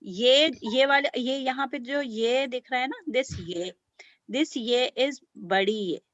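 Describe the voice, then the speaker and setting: A woman's voice: high-pitched, slow pace, a bit bright, dry recording, highs cut off. A woman teaching beginner language to children, patiently sounding out letters and praising often. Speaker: Urdu teacher.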